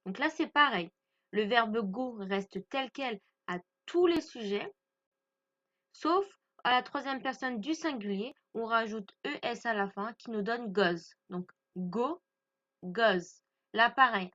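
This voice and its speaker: A woman's voice: on the high side, measured pace, pushed and bright, dull audio. A woman from France teaching English grammar to French speakers, patiently stressing pronunciation and repeating each point.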